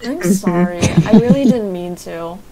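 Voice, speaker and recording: A woman's voice: fairly low pitch, animated, measured pace, a crowd in the background. A young woman hosting a casual live stream, self-deprecating and apologetic, often breaking into giggles. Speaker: streamer and tutorial host.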